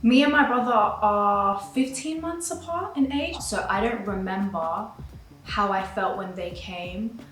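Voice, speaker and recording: A woman in her early twenties, a student, answering documentary interview questions in a measured, composed way. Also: lowish voice, fairly bright tone. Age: early 20s. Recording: echoey room with faint noise.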